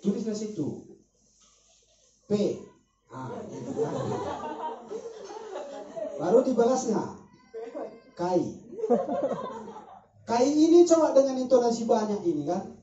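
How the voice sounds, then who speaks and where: A man's voice: very high voice, sing-song, takes it slowly, pauses often, a crowd in the background. A man speaking at a group discussion, explaining his points with spoken examples. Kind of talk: casual discussion talk. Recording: muffled distant mic in echoey room.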